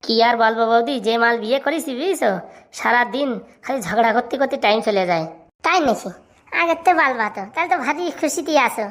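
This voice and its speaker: A woman's voice: a little high, expressive, quick pace, a bit bright. A woman voicing a cheeky young male hawker's assistant in a comic cartoon, chatty.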